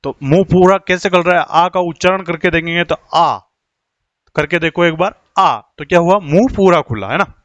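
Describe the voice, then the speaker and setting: A man teaching a grammar lesson, asking questions and answering them himself, slowing down to dictate definitions. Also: fairly high pitch, a bit bright, no echo, highs cut off. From India. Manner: asks rhetorical questions and answers them himself, slows down while writing on the board.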